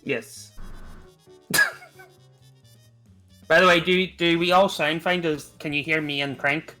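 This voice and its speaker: A man's voice: fairly high pitch, fairly even intonation, takes it slowly, bright, forceful tone, faint music behind. A young man from Northern Ireland with a Northern Irish accent, co-hosting a game stream in casual, joking chat and trailing off mid-sentence. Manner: joking, laughs often, trails off. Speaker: stream co-host.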